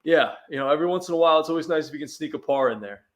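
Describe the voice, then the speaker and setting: A man's voice: fairly high pitch, expressive, racing, fairly bright tone. A man chatting as a guest on a sports talk show, telling easygoing stories with frequent restarts. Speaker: sports radio host, guest. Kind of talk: casual chat.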